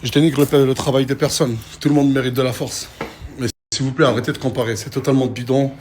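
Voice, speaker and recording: A man's voice: mid-range voice, fast talker. Teasing male vlogger, noisy recording. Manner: teasing, interrogating, repeatedly calls for calm. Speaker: Snapchat influencer host. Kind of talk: casual vlog talk and street questioning.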